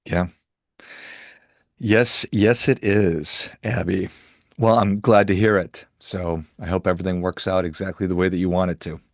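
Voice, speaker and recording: A man hosting a podcast interview, affirming his guest and wrapping up with smooth outro patter. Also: sits low, fairly even intonation, moderate pace, no room sound, studio quality. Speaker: podcast host.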